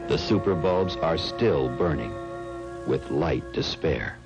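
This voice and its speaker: A man's voice: very deep voice, expressive, slow. A man reading solemn, documentary-like scripted narration for a TV commercial. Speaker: commercial announcer. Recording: old TV ad, loud music bed.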